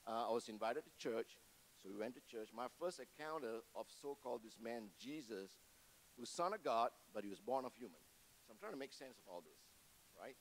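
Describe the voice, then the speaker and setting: A man's voice: mid-range voice, animated, fairly quick, slight background noise, rough recording. Man telling his story in church. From Malaysia. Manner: storytelling with humorous asides. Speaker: church member giving testimony. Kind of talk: personal testimony to a congregation. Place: church before a live congregation.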